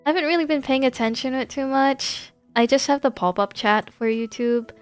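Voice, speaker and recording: A woman gaming on a livestream chats in a casual, giggly, rambling way as background music plays. Her voice is high-pitched and smooth, and her pace is a little fast.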